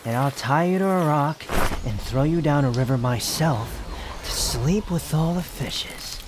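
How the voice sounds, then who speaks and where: Here the immortal wanderer turns bossy and sardonic, his fairly high, haughty voice delivering theatrical scolding and teasing a little slowly. The performer sounds natural, and the intimate roleplay audio drama carries steady outdoor nature sounds with insects in the background.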